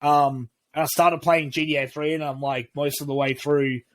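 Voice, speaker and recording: A podcast co-host with a highish voice speaks at normal speed in a steady tone. In casual chat he rambles through his opinions, often restarting and cursing cheerfully.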